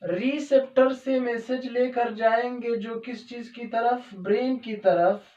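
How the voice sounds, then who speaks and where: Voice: mid-range voice, steady tone, slow, a little mellow. A biology teacher giving a step-by-step lecture, pointing at a diagram, asking rhetorical questions and then answering them. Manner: asks rhetorical questions and answers them, repeats "okay" often. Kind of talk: explanatory video lecture. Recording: dull, roomy sound from a distance from the mic.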